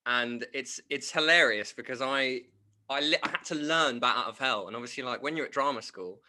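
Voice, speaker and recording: A man's voice: mid-range voice, a little fast, pushed and bright. A man with an Estuary English accent from Kent, chatting casually and jokily as a theatre performer in an interview. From Ashford, Kent, England. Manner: jokey, self-deprecating. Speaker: musical theatre performer guest. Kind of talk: casual group interview chat.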